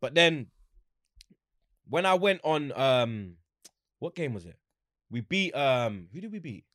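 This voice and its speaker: A man with a London roadman accent and heavy street slang, chatting casually and acting out exchanges as he tells animated stories. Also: mid-range voice, slow pace, no echo, studio quality. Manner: animated storytelling, acts out quoted exchanges. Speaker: interview guest, football fan. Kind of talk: casual anecdotal chat.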